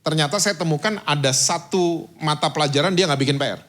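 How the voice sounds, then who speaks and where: A man's voice: a little high, a little fast. A man in his fifties, a pastor preaching a sermon. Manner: lively storytelling, mixes in English phrases. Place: church stage.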